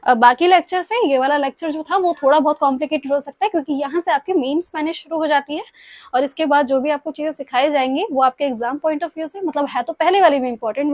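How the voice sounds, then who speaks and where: A woman's voice: high voice, no room sound, clean studio sound. A young woman with a sore throat, patiently explaining Spanish grammar for exam students and often checking in with her listeners. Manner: patient, repeats points, checks in with "ठीक है?". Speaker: Spanish tutor.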